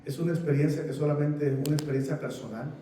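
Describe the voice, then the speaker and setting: A man preaching as a pastor in a halting way, repeating words and using many fillers. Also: fairly high pitch, fairly even intonation, mellow, a little hiss or hum. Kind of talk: sermon with congregation sharing. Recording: echoey room picked up from a distance.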